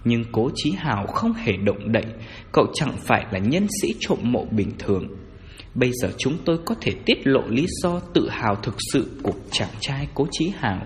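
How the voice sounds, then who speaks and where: A man reads a story aloud in an expressive, dramatic style, his mid-pitched voice swinging widely. A faint, long reverb trails his words. A light hiss sits underneath. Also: moderate pace. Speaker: narrator. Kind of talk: scripted audiobook narration.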